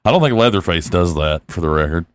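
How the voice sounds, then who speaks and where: Jokey low-voiced man hosting a podcast. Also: quick pace, no echo. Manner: jokey, animated, teasing. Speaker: podcast host. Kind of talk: casual chat.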